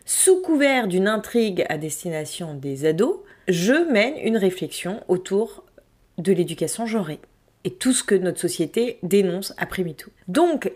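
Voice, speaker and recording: A woman's voice: mid-range voice, darkish tone. A woman from France in her thirties, a would-be novelist thinking aloud in a spontaneous audio diary, with many hesitations. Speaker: aspiring novelist, podcast host.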